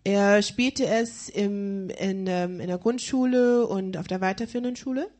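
Female live interpreter at a church service, hesitant, restarts often, mid-pitched voice. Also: measured pace, a little mellow. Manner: hesitant, many fillers and restarts while searching for words.

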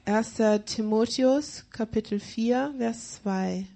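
A woman's voice: fairly high pitch, slow, gravelly, warm tone. A woman interpreting a sermon live, hesitant, with frequent fillers and restarts as she searches for words.

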